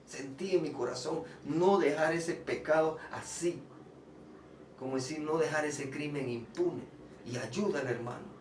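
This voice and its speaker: A man preaching a personal testimony sermon in an earnest way, repeating phrases and going soft when he quotes himself. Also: fairly high pitch, a little slow, a little hiss or hum. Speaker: lay preacher. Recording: echoey distant room with faint ambience.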